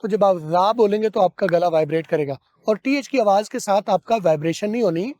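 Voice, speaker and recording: Male accent teacher, higher voice, patient demonstrator who repeats sounds, dry close recording. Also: a little mellow, no room sound. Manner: demonstrates English sounds slowly and repeats them; asks questions, then answers them himself. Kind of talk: spoken pronunciation lesson.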